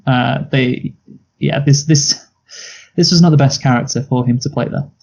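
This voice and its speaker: Mellow-voiced man, blunt and opinionated. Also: mid-range voice, normal speed, vocal fry. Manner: blunt, opinionated, filler-heavy. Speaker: podcast co-host. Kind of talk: casual chat. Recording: dull lo-fi podcast audio.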